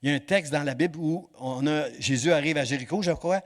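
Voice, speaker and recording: Male pastor, impassioned sermon, somewhat high voice, big dynamic swings. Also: fast talker. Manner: impassioned, swinging between loud exhortation and hushed emphasis. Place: church.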